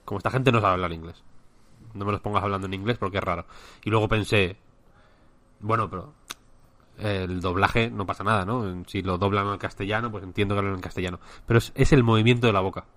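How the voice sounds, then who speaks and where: A man's voice: fairly low pitch, steady tone, quick pace, a bit bright, no room sound. A man with a Spanish accent, co-hosting a casual chat and rambling with many restarts. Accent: Spain. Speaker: podcast co-host.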